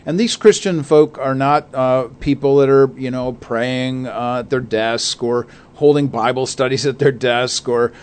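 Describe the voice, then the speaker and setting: A man's voice: medium pitch, steady tone, a little slow, few pauses, clean tone. A man co-hosting a faith radio show, talking earnestly with many fillers and restarts. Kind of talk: casual radio talk.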